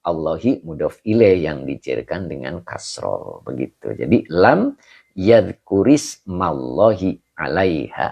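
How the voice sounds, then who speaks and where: A man's voice: deep voice, big pitch swings, takes it slowly, gravelly, dark tone, breathy edge, lo-fi sound. A man teaching an online Arabic grammar lesson as a religious teacher, patiently explaining and answering students by name over a video call.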